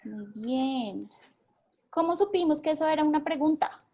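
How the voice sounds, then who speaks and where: High-voiced Colombian woman teaching online. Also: expressive, moderate pace, dark tone. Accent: Colombian Spanish. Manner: explanatory, many fillers and repeated words. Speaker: workshop facilitator. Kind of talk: live online workshop. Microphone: video call.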